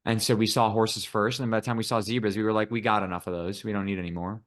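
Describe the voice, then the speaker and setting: A man's voice: fairly low pitch, flat delivery, fast. A man from Buffalo, New York, co-hosting a podcast in casual chat, teasing and joking, with casual swearing. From Buffalo, New York, USA. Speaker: podcast co-host.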